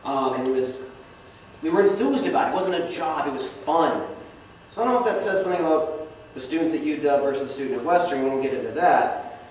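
This young guest speaker has a high-ish, darkish voice with lively intonation and a fast pace. Addressing a club in a meeting hall with a casual slideshow, he's self-deprecating and asks the audience questions. The audio is echoey and faintly noisy, with him far from the microphone.

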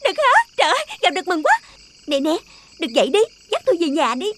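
A woman's voice: very high-pitched, quick pace, heavy background noise, full character voice. A vain, whiny young village girl. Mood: frightened. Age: young adult. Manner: whiny, expressive. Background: music.

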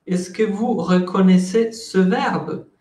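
A man in his thirties teaches French online, speaking slowly and carefully in a fairly high voice. He explains patiently, step by step, on an earphone mic. The room around him sounds echoey. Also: fairly even intonation, a little mellow. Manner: slow, deliberate, switches between French and Spanish explanations. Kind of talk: online language lesson. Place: office with window blinds. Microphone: earphone headset mic on video call.

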